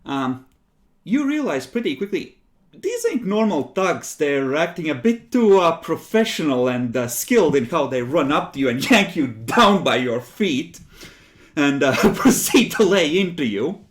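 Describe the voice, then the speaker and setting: Lively, higher-pitched male game master. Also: measured pace. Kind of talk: improvised tabletop game narration.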